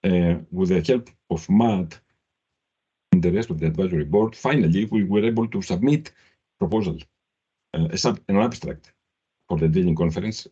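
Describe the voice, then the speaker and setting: A man chairing a business meeting over a video call, giving an update in halting sentences that restart often. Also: low-pitched, dark tone, slightly rough. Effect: heard over a video call. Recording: slightly muffled video call audio.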